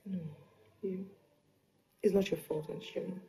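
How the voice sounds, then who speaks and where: An actress playing a gentle, lovelorn young wife, earnest and subdued, in a naturalistic screen drama. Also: female voice, on the low side, unhurried, slightly rough. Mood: consoling, tender.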